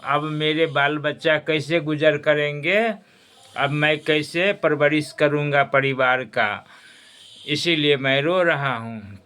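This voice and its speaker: A man's voice: a little high, slow pace, sharp tone, smooth. A man voicing a poor, honest woodcutter in a folk tale, speaking humbly and pleadingly.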